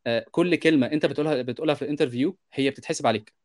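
Heavy background noise surrounds a medium-pitched man in his thirties, a software developer co-hosting a casual podcast in an Egyptian Arabic accent. He spins animated stories in rapid bursts, repeatedly checking in with "you understand?"

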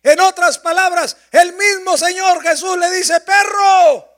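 A male pastor, preaching a sermon with drawn-out emphasis and loud passages. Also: very high voice, steady tone.

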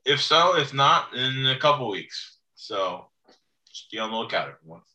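A man's voice: mid-range voice, very animated, moderate pace, sharp tone, echoey room, far from the mic, poor audio. A man hosting a casual sports podcast, rambling and repeating himself as he chats with friends. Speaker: podcast host. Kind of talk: casual fantasy football chat.

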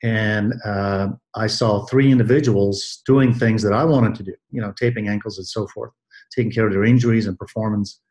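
Low-voiced man in his sixties from Belgium. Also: fairly even intonation, a little mellow. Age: 60s. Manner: measured, many hesitations and restarts. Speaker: guest, athletic trainer. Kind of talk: interview answers.

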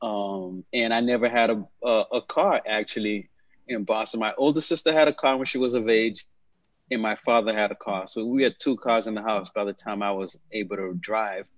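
A Haitian-born man in his fifties, speaking as an interview guest, tells his life story in an easygoing, relaxed, conversational way and repeats words as he goes. His voice sits on the low side with a steady tone and normal speed, recorded without echo but with the highs cut off.

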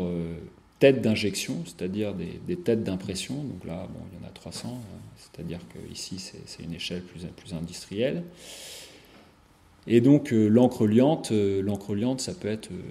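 A man giving a recorded lecture over slides, speaking haltingly with frequent fillers and restarts. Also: on the low side, gravelly, dark tone. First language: French. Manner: hesitant, many fillers and restarts.

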